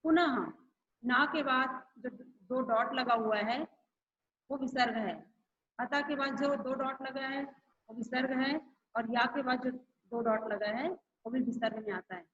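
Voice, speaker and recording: A woman's voice: high voice, steady tone, a bit bright, slightly rough, highs cut off. A woman teacher giving an online grammar lesson to schoolchildren, repeating each rule and example. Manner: slow, repeats each point and example for pupils.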